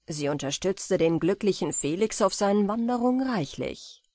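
A woman reading a classic tale aloud as a calm, unhurried bedtime audiobook narration. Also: mid-range voice, dry recording, clean studio sound. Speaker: audiobook reader. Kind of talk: calm storybook narration for sleep.

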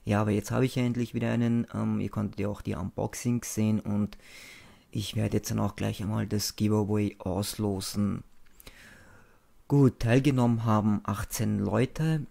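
A man's voice: on the low side, steady tone, normal speed, creaky, dark tone. A young man narrating a screencast in a casual, informal and matter-of-fact way, as the host of a video channel.

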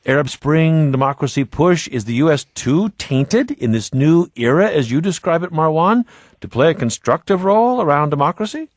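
A man's voice: fairly high pitch, no echo, clean studio sound. Man hosting a radio call-in show. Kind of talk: on-air radio hosting, introducing guests and callers. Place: radio studio.

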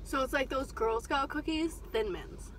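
A woman's voice: high-pitched, measured pace, fairly bright tone, a little hiss or hum. A woman co-hosting a casual drink taste test, talking with a straw at her lips, blunt and playful. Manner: blunt, playful, odd comparisons. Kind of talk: casual review chat.

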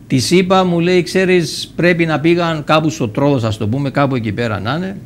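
An older man from Cyprus, a guest on a TV interview, tells a personal story vividly, acting out the dialogue and often restarting his sentences. His voice is on the high side, with slight background noise.

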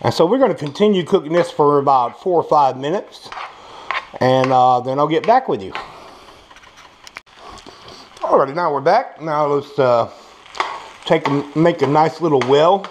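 A man with toothless speech cooks in a small indoor home kitchen, giving a casual, folksy demonstration in a slightly high, animated voice at normal speed with long pauses. He makes savoring murmurs, and the noisy recording picks up frying food and clicks.

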